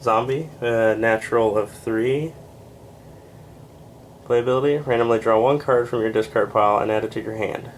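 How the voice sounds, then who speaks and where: A congested man reviewing a board game, reading card text aloud in a plain, unhurried way with casual asides and fillers. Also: mid-range voice, fairly even intonation, slight background noise. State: congested, short of breath.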